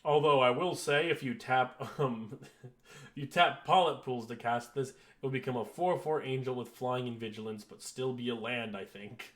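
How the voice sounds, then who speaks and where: A man's voice: medium pitch, moderate pace, a bit bright. A man going through a card list in casual commentary, reading rules text and reacting in an offhand, dry way. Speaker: card reviewer.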